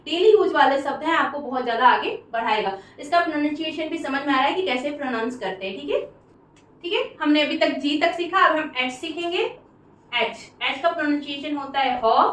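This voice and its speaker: A woman with an Indian accent teaching English pronunciation, saying each word slowly and repeating it for the class. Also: high voice, fairly bright tone. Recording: echoey room, voice from far off.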